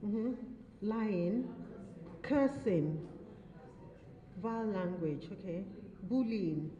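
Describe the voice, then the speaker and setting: In an echoey hall recorded with dull, lo-fi quality, a woman runs an interactive workshop where she affirms and repeats what the audience says and teases people in good fun. Her voice is warm and mid-range, expressive, with words drawn out.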